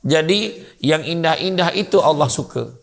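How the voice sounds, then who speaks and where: A man giving a humorous religious lecture, telling comic stories in an animated way. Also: fairly high pitch, moderate pace, creaky. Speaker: preacher. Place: mosque lecture hall.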